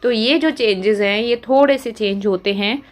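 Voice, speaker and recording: A woman teacher giving a lesson, reciting number words slowly and asking the viewer questions as she goes. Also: on the high side. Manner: slow, deliberate recitation, quizzing the viewer. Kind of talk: classroom lesson.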